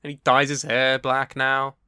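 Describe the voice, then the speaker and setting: A young man co-hosting a casual podcast chat, swearing freely and bursting into excited yelling. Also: medium pitch, normal speed, smooth, no echo, studio quality. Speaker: podcast co-host.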